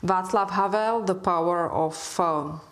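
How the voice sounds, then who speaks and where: A woman with a slightly low voice speaks as an expert guest at a public debate. She talks thoughtfully, with frequent hesitations as she works through her points. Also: takes it slowly. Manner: thoughtful, many hesitations, gently questioning. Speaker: panel guest, Iran expert. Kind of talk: panel debate.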